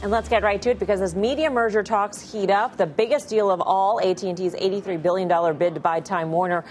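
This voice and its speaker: A woman hosting a financial news show, briskly introducing the topic and leading the panel. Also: medium pitch, fairly even intonation, a little mellow, soft background music. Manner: brisk, leads the discussion. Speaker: show host. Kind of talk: news anchoring and panel moderation.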